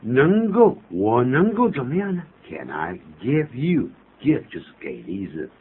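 Speaking at a normal speed in a slightly rough mid-range voice, a man runs a radio English lesson, explaining phrases with chatty humor. The teacher and host is animated, laughing at his own examples, over tinny radio audio with faint hiss.

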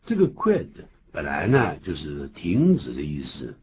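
低沉而抑扬顿挫的男英语老师. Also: male voice, measured pace, husky, narrow, tinny audio. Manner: animated, jumps to high emphatic pitch on key words. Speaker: English teacher, host. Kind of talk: radio English lesson.

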